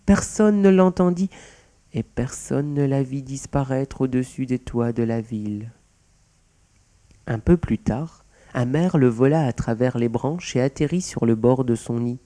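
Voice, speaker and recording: Mellow man reading a children's story. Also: mid-range voice, unhurried. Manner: lively, expressive reading. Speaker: narrator. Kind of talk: storybook narration.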